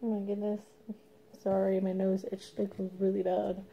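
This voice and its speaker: A young woman talks her way through a craft project in a loose, rambling chat, laughing often and sometimes sinking to a murmur. Her voice is very dark and mellow, with a gravelly edge. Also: medium pitch, completely flat delivery, moderate pace, slight background noise, rough recording. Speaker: craft vlogger. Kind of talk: casual chat while painting.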